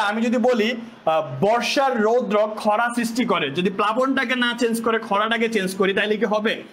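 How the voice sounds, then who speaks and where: A man's voice: extremely high pitch, fairly bright tone, slight background noise. A young man from Bangladesh, speaking as an online tutor, teasing his students and firing questions at them. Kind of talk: live online class lecture.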